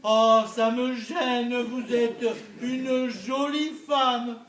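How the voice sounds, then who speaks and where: An actor playing a meek, tired, gentle husband in a live stage comedy, with mild, shocked interjections. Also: male voice, extremely high pitch, flat delivery, very slow, exaggerated voice. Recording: echoey stage recorded from far off.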